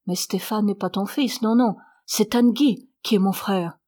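A woman's voice: mid-range voice, unhurried, warm tone, lightly acted. Woman reading as an earnest young noblewoman.

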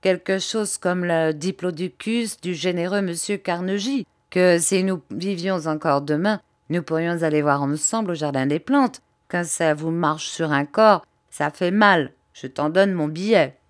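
A woman's voice: lowish voice, a little slow, hardly any pauses, no room sound, clean studio sound, lightly acted. A woman reading aloud voices a mocking, joking male Parisian reporter in an audiobook. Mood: jaunty, alarmed. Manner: mocking, jaunty banter.

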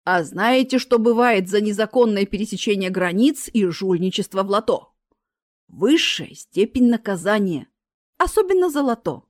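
A woman voicing a calm, stern male angel. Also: medium pitch, normal speed, no room sound, studio quality, lightly acted. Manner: calm, matter-of-fact.

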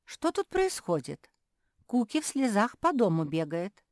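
A woman's voice: mid-range voice, sing-song, measured pace, a little mellow, no echo, clean studio sound, voice pushed up. Storybook: a glum, sighing pug sister, read by a woman. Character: gloomy sensible pug sister.

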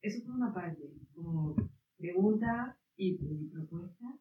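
With a lowish voice, lively intonation and a measured pace, a woman whose native language is Guaraní asks a lengthy, roundabout question from the audience at a public debate, searching for words as she goes. The sound is distant, echoey and phone-like, with slight background noise.

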